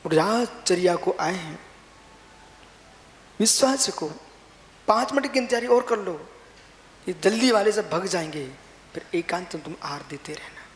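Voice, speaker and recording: A middle-aged man, a Jain monk, preaching a sermon in an exhorting, repetitive way and often pushing up to emphatic high stress. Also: expressive, unhurried, pauses often. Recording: echoey hall with faint hiss.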